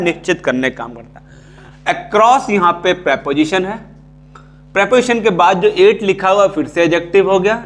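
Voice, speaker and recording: Higher-voiced Indian man teaching English grammar. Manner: repeats key terms, checks in with "ठीक है". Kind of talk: casual classroom lecture.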